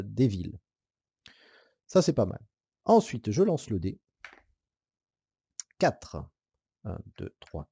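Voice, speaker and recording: In this solo board game playthrough tutorial, a man of medium pitch with a slightly breathy voice teaches the rules as he plays alone. He thinks out loud, tallies dice, and mulls over moves in an easygoing way, with hesitant fillers and quiet laughter. The audio is studio quality, free of echo.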